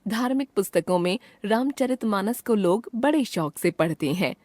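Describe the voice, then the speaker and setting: A woman narrating a scripted grammar lesson in a precise, measured textbook-reading manner. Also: mid-range voice, expressive, darkish tone, no room sound.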